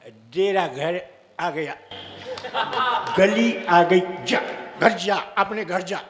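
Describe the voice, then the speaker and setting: A man voicing a tipsy drinking friend who talks in a slow, coaxing drawl. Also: high voice, a crowd in the background, voice pushed down. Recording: echoey hall.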